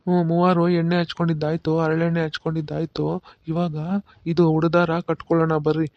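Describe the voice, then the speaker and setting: A man's voice: a little high, monotone, a little fast, no room sound, highs cut off, natural voice. A man voicing a fussy village father. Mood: instructive. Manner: instructive, keeps asking "okay?". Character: village father, patient and fussy about the ritual. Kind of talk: cartoon voice acting.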